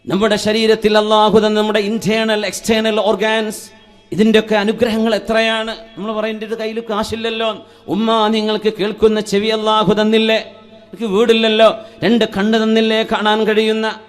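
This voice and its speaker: A man's voice: high-pitched, completely flat delivery, moderate pace, soft background music. A male preacher giving an Islamic sermon. He chants Arabic verses in a singing style and asks the listeners one rhetorical question after another.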